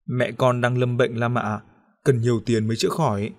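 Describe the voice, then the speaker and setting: A man's voice: mid-range voice, little pitch movement, normal speed, natural voice. A man voicing a manipulative middle-aged father in an audiobook, speaking in a sweet, coaxing way that hides menace. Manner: coaxing and wheedling, turning to harsh threats.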